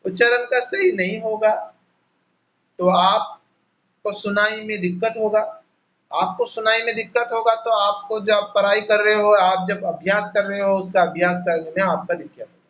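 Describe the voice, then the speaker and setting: High-voiced Bengali-accented man teaching online. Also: steady tone, fairly bright tone, lo-fi sound. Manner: slow, repetitive explaining, spelling out each sound. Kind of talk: online class lesson. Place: home, on a video call. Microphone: laptop mic on a video call.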